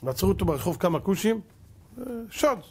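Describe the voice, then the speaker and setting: A man with a high, ringing voice delivers a passionate sermon. He rises into loud, stirring calls, then drops to near-whispered asides. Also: sing-song, breathy edge. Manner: impassioned, swings between loud exhortation and hushed asides. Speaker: rabbi.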